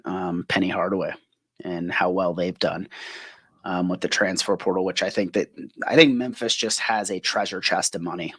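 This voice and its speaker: Low-voiced man in dry podcast chat. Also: fairly even intonation, normal speed, a bit bright, breathy edge, no room sound. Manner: talks in long runs, often ending on a questioning "right?". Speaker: podcast co-host. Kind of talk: casual sports podcast chat.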